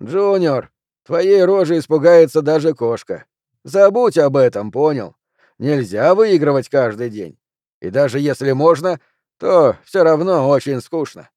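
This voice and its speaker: A man's voice: fairly high pitch, expressive, unhurried, a little mellow, no echo, studio quality. A man voicing a weary, world-wise gambler in an audiobook, talking in a tired, placating way. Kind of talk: audiobook character reading.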